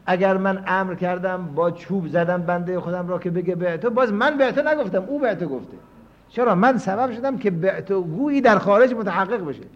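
A man teaching a scholarly lecture, reasoning aloud and moving between quiet stretches and emphatic points. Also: high voice. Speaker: seminary teacher. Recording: dull lo-fi lecture recording.

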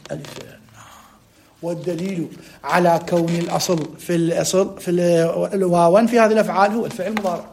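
A man teaching a grammar lesson. He mixes formal with dialect, quizzes his listeners and repeats key words. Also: sits high. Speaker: teacher of Arabic morphology. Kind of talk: classroom lesson.

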